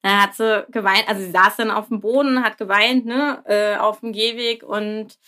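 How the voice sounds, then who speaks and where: A woman's voice: medium pitch, fairly even intonation, moderate pace, pushed and bright. A woman in her thirties, a podcast host, chatting casually and telling a story with many fillers. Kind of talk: casual chat.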